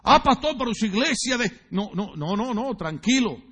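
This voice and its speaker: A man's voice: sits high, expressive, normal speed, fairly bright tone, husky. A male pastor preaching a sermon in a church, joking and teasing the congregation and asking them questions. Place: church sanctuary.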